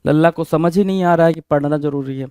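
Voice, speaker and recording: Energetic high-voiced vocabulary teacher. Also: male voice, fast talker, clear, resonant tone, dry recording, studio quality. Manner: energetic, drills words with repeated questions. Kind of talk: exam-prep vocabulary lesson.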